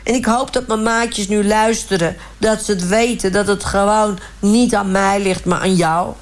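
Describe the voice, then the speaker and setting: A woman's voice: medium pitch, steady tone, moderate pace, lightly acted. A woman voicing a chatty, self-righteous middle-aged village man who rambles indignantly in a comic radio sketch. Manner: rambling, indignant, repeats "hartstikke" and "gewoon".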